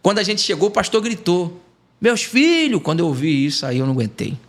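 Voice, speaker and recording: On a podcast, a Brazilian evangelist guest relates an emotional testimony in a fast, somewhat high male voice. He tells it animatedly, voicing the quoted dialogue himself.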